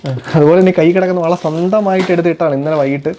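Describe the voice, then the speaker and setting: A man's voice: on the high side, fairly even intonation, rapid-fire, mellow, a little hiss or hum. A father chatting casually while unboxing parcels, explaining each item and playing with his little daughter. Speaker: father and family vlogger.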